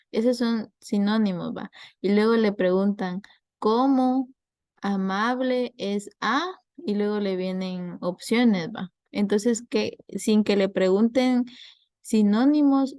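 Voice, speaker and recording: A woman's voice: mid-range voice, warm tone, dry recording. A young woman, tutoring a class and patiently explaining step by step with examples.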